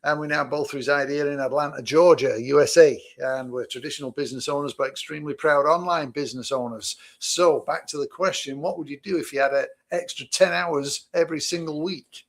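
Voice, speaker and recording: A man's voice: fairly high pitch, steady tone, brisk, hardly any pauses. A man co-hosting a casual podcast chat, asking easygoing rhetorical questions. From Manchester, England. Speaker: co-host, business owner.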